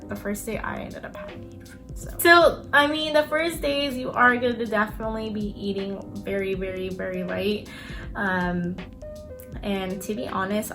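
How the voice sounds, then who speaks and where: A woman chatting casually in an advice vlog, explaining things in a rambling, repetitive way. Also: medium pitch. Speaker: vlogger, dental assistant. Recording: music playing behind the voice. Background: clear background music.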